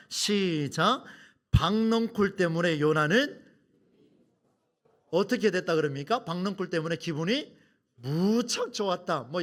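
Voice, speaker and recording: A man's voice: sits high, fairly bright tone. A middle-aged male pastor preaching a sermon, acting out complaints and asking the congregation rhetorical questions. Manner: dramatic, acts out quoted complaints.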